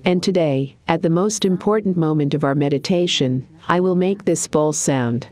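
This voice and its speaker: Speaking in a low voice, a woman leads a guided meditation at a calm, deliberate pace. Her soothing directions come in brief phrases separated by pauses, with gentle background music barely audible beneath her.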